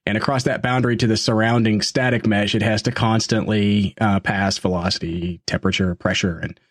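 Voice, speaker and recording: A man hosting a podcast and interviewing a guest in a casual way. He talks with many fillers and quick asides. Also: fairly low pitch, steady tone, dry recording, studio quality.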